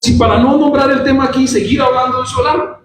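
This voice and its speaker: Pastor, man, very high voice, animated sermon; distant mic in a very echoey church hall. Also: fast talker, a little hiss or hum. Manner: animated preaching, acts out quoted voices. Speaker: pastor teaching a church service.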